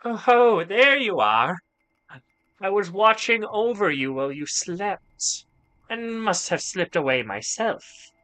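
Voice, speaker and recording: A man putting on the voice of a kindly old grandmotherly snail woman in a video game, talking slowly and tenderly. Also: high voice, sing-song, sharp tone, pitched above the performer's own voice, heavily acted. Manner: slow, tender, drawn-out grandma voice.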